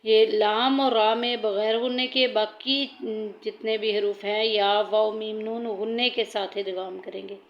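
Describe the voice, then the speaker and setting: A woman teaching tajweed, patiently explaining each rule step by step between slow recited verses. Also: mid-range voice, steady tone, dull audio.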